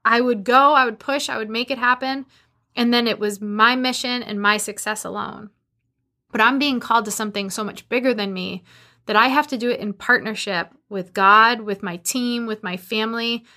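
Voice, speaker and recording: A woman in her thirties hosting a solo podcast, talking earnestly and growing animated as she retells her own story. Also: on the high side, normal speed. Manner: earnest, animated when retelling, faith-driven encouragement. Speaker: podcast host.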